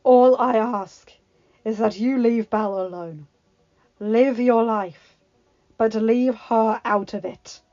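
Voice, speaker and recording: Beast, a woman doing a looming male monster. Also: a little high. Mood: stern. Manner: slow, loud and threatening. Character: hulking male beast, fierce yet gentle. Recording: dull lo-fi sound with music.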